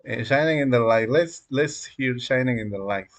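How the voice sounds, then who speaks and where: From a dark room at home, a native Spanish-speaking man chats casually on a live coding stream. His medium-pitched talk rambles and halts, full of fillers and small chuckles.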